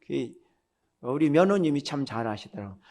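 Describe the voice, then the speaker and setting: A man's voice: mid-range voice, animated, normal speed, a little mellow. An older man, a retired pastor, preaching bluntly in a conversational way and firing off rhetorical questions. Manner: blunt, direct and scolding. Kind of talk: sermon.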